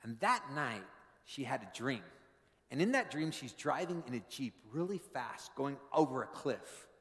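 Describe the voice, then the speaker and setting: A man who is a pastor, giving a sermon full of personal stories that builds to fervent, animated preaching in a church. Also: mid-range voice, normal speed. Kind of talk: sermon with storytelling. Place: church sanctuary. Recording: long reverb of a large hall.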